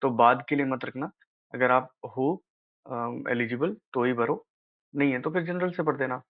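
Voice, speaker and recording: Explaining a job notification informally, an Indian man who gives exam advice goes over the practical points the way an older brother might, checking often that the listener keeps up. He speaks at normal speed and an ordinary male pitch, in slightly dull, lo-fi audio.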